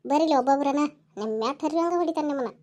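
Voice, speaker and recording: A woman's voice: sits high, rapid-fire, close to an everyday voice. Woman playing a furious scolding village mother. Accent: North Karnataka Kannada. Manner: loud scolding lecture.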